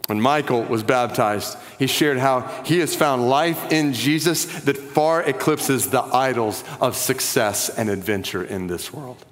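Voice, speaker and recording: Male pastor, earnest sermon delivery, mid-pitched voice, long hall reverb, trailing soft phrase endings. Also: a little slow, hardly any pauses. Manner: earnest, drops low and quiet at phrase ends, rises in appeals. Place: church sanctuary.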